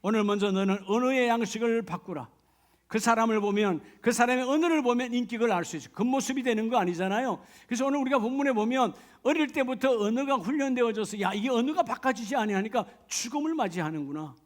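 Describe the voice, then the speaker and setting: A man's voice: very high voice, fast. A middle-aged male pastor preaching a sermon in a conversational way, often asking the congregation rhetorical questions.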